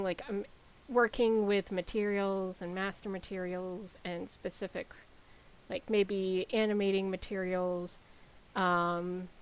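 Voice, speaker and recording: Slow, rambling woman streaming a tutorial. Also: medium pitch, rough recording. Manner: rambling, full of ums and likes. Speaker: game developer streamer. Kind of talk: casual live-stream tutorial.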